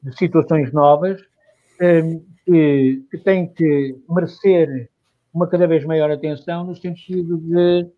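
A man's voice: a little high, steady tone, slow. Male guest on a muffled remote line. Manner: searching for words, many restarts. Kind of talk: discussion answer.

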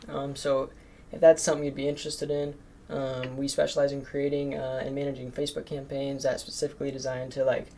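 Here a teenage marketing agency owner records his cold calls and offers casual commentary. His mid-range voice is gravelly yet warm. He comes across as nervous, filling gaps with lots of "um" and "like."

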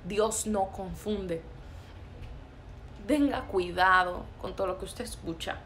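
Casting: a woman preacher, forceful sermon delivery, bright voice, faint noise behind. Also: mid-range voice, gravelly. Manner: emphatic, repetitive and forceful.

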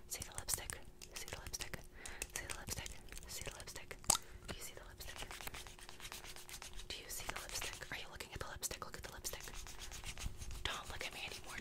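Young female ASMR performer: unvoiced, breathy whisper, close-miked, fast and aggressive delivery, insistent and repetitive. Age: young adult. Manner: insistent, repetitive commands straight to the listener. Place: bedroom, indoors. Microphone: close desktop condenser microphone with foam cover.

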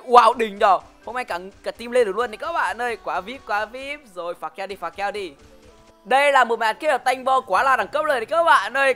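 A man giving live gameplay commentary as a gaming video host, excitable and full of exclamations and quick laughter. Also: extremely high pitch.

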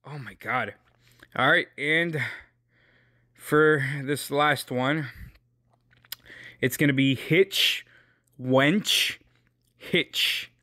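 A man's voice: medium pitch, drawn-out words, long pauses, bright, forceful tone, no echo, studio quality. A young man hosting a casual car video, brash and joking, swearing freely. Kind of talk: casual car review monologue.

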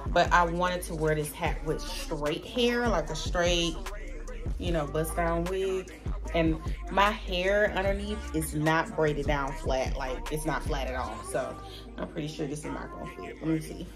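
A woman's voice: low-pitched, measured pace, over music. A woman in her thirties with a Southern US accent, chatting casually to her viewers at home and showing off her new things. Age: 30s. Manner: chatty, playful, talks straight to viewers. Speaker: vlogger. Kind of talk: casual vlog chat to camera. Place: home bedroom.

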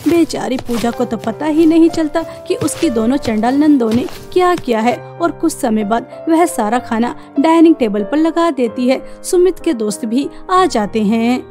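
A woman tells a cartoon moral story in a sympathetic, steady way. Her voice is high yet mellow, with faint music behind. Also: moderate pace, hardly any pauses. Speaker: narrator. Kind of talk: scripted storytelling narration.

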